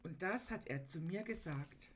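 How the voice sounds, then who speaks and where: A woman's voice: fairly low pitch, animated, normal speed, heavy background noise. Earnest woman preaching a sermon. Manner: earnest, emphatic retelling with direct appeals to listeners.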